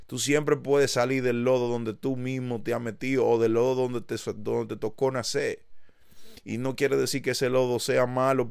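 Gravelly man giving motivational talk. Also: on the low side, darkish tone, no echo. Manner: emphatic, addresses listener directly as "tú", swears casually. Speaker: podcast host. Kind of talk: motivational podcast monologue.

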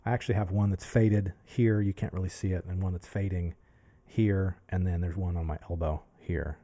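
A man's voice: low-pitched, steady tone, normal speed, mellow. A man in his thirties talking to a camera for his podcast, musing and self-searching with many restarts and fillers. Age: 30s. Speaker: podcast host. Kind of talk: casual reflective monologue to camera.

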